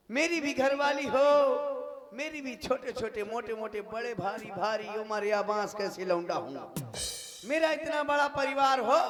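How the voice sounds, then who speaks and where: A man, singing and talking through a self-mocking comic lament about being unmarried on a folk stage. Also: sits high. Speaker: comedian in a folk stage show. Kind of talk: sung comic song and stage monologue. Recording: live stage show with loud music.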